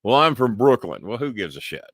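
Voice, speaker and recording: A man's voice: mid-range voice, sing-song, brisk, a bit bright, no room sound, studio quality. A middle-aged American man hosting a live-stream show, rambling bluntly and cursing freely in a casual monologue. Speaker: podcast host.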